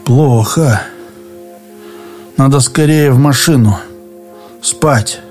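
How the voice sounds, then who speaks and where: A man's voice: medium pitch, drawn-out words, darkish tone, faint music behind. A man voicing an exhausted, drowsy male explorer who speaks sluggishly. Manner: sluggish, weary.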